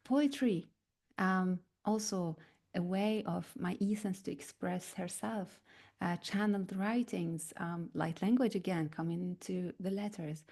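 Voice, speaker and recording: Woman from North Africa, spiritual teacher, mid-pitched, mellow tone, unhurried and searching delivery. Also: creaky. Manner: slow and searching, with many fillers and pauses. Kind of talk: reflective spiritual talk.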